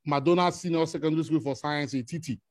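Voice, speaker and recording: A Nigerian man with an Igbo accent hosts an online meeting, giving courteous, halting welcomes. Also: a little high, steady tone, dry recording, studio quality. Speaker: host of an online alumni meeting. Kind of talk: informal formal welcome speech. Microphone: online video call.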